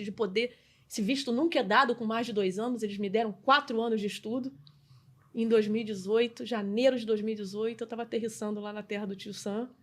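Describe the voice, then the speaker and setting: A middle-aged woman from Brazil, a customer experience mentor, telling her story as a podcast guest in an animated way, often restarting phrases and adding tag questions. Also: fairly high pitch. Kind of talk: conversational interview storytelling.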